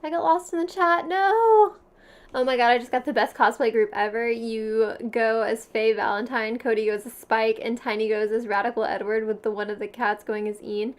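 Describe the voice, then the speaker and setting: High-pitched young woman, Valley Girl accent. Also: little pitch movement, a little fast, few pauses. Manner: frequent "like" filler, slangy; giggly, laughs often between phrases. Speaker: livestream host chatting with viewers. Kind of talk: casual livestream chat.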